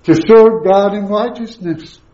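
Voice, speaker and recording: High-pitched preacher speaking through a face mask. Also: male voice, measured pace, dark tone. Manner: emphatic, repetitive rhetorical questions and answers. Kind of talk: sermon. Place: echoey room, preaching to a congregation. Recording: roomy echo, slightly muffled sound.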